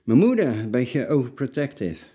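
A man of forty-seven, answering personal interview questions in a halting, blunt, plain-spoken way. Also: medium pitch, sing-song, dark tone. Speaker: interview guest telling his life story.

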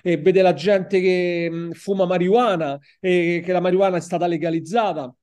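His voice is high-pitched yet clear, resonant and darkish, delivered at normal speed in a steady tone. He's an Italian-accented podcast co-host in a relaxed film and TV review chat, talking about a series and repeating words as he looks for the next.

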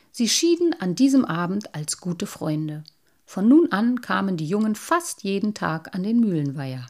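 A woman narrating a children's storybook with an expressive, measured reading. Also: medium pitch. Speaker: audiobook narrator.

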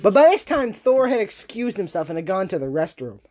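A man's voice: sits high, very animated, fairly quick, crowd noise. A man co-hosting a podcast, chatting casually and reading fan fiction aloud, often breaking into laughter. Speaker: podcast co-host.

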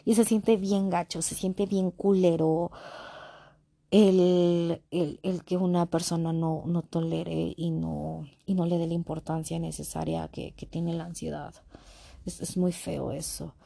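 A woman's voice: lowish voice, little pitch movement, a little slow, creaky, mellow. A young woman with a Mexican accent talking candidly as a podcast host, blunt and slangy, with frequent restarts. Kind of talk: casual monologue.

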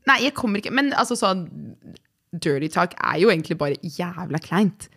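A woman's voice: fairly low pitch, animated, bright, forceful tone, breathy edge. A young woman co-hosting a casual podcast, rambling through stories and cutting herself off with digressions. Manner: rambling, self-interrupting storyteller. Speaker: podcast co-host. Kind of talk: casual chat.

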